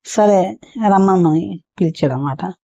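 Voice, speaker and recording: A woman's voice: on the low side, a little slow, vocal fry, mellow, no room sound. A woman storyteller telling a folk tale for children in a homely, repetitive, chatty way. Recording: dull muffled recording.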